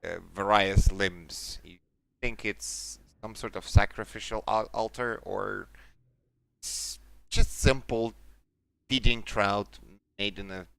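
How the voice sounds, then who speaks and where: A low-voiced man runs a tabletop game, his words coming slow and measured. His voice is clean and smooth, heard close and dry with no room around it. He pauses on fillers as he lays out each scene. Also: steady tone, a bit bright, no echo. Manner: slow deliberate narration with halting fillers. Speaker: game master.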